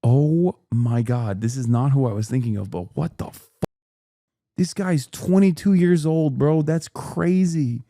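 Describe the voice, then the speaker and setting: A man in his thirties streams his reactions in a loose, rambling way, swearing for emphasis and circling back on his points. His voice sits at an ordinary pitch. The sound is very dry and close to the mic. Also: a little slow, mellow, no room sound. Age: 30s. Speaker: streamer host. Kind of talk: casual reaction commentary.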